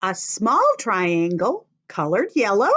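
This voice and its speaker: A children's teacher leading craft and story time talks young children through things in simple steps, asking encouraging questions. Her mid-range voice is very animated and a bit bright, and she takes it slowly.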